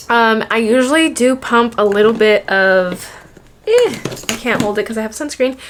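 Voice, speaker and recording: A woman's voice: on the high side, a little hiss or hum. A young woman from Alabama, chatting casually through a makeup tutorial, rambling and correcting herself as she goes. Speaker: beauty vlogger. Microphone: camera on a makeshift tripod.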